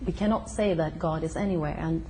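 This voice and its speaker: Low-voiced woman from Sweden, hesitant. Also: dark tone, slight background noise, poor audio. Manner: hesitant, many fillers and pauses. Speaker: interviewee. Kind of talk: casual conversation. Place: her home.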